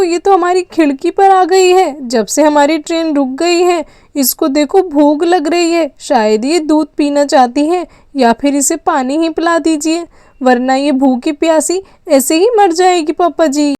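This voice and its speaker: A woman voicing a softhearted young girl who bosses her little brother in a doll story, talking in a pleading way. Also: very high voice, unhurried, dry recording, clean studio sound. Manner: pleading, bossy big-sister talk. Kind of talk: doll story role-play.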